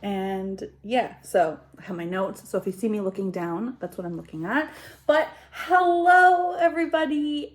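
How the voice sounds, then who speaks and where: Talking to camera from a home kitchen, a woman with a medium pitch and slight congestion takes her time. Her casual vlog chat is scattered and self-deprecating, peppered with conversational asides.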